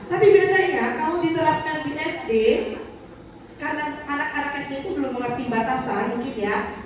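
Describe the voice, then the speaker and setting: Lady teacher chatting through a staff workshop, highish voice, roomy echo, mic kinda far off. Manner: chatty, acts out teacher phrases. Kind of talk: casual workshop presentation. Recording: echoey room, distant mic, faint noise.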